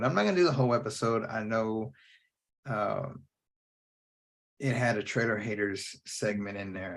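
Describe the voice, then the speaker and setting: A movie podcast host speaks solo in a lowish voice with vocal fry, rambling without a script. He swears freely and jumps around between thoughts in a relaxed, casual way.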